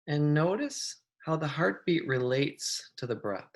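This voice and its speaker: A meditation guide with a medium pitch delivers gentle instructions softly and without hurry, leaving long pauses, while sounding animated and calming.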